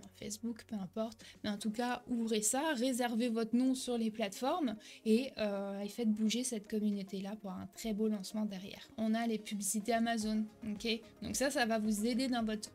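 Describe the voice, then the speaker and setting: In a fairly high, darkish-toned voice, a young woman runs a direct-to-camera tutorial as an online selling coach. She talks with energy, keeps asking "ok?", and sometimes hesitates or corrects herself.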